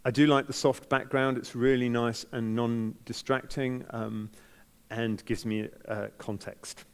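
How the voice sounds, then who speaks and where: This clip features a New Zealand-accented man judging a competition, his unscripted comments halting and deliberate, with criticism gently softened. He has a mid-range voice, a level delivery, and a clear, resonant quality.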